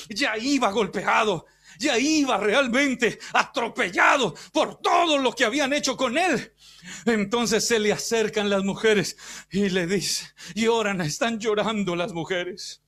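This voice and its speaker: A middle-aged man preaching a sermon as pastor, fervent, swinging between shouting and hushed storytelling. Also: high voice.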